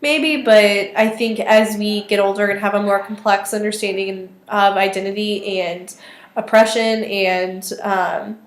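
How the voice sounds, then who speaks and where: A woman's voice: medium pitch, steady tone, unhurried. A woman in her twenties with a weak, thin voice, talking casually and tentatively as she thinks aloud in a video response. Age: 20s. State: weak voice today. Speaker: student vlogger. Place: small indoor office or study. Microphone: webcam or laptop microphone at arm's length. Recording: roomy, echoey webcam sound.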